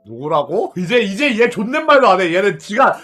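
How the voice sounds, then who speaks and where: A man's voice: high voice, expressive, brisk, fairly bright tone, soft background music. A young man streamer casually telling a story to his viewers, laughing often, repeating himself and swearing along the way.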